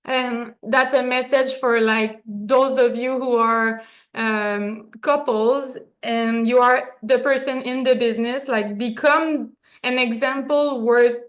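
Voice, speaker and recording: A woman's voice: fairly high pitch, fairly even intonation, slow. A woman with a French accent, a native French speaker, giving an acceptance speech on stage and sometimes searching for English words. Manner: searches for English words, many fillers, soft laughs.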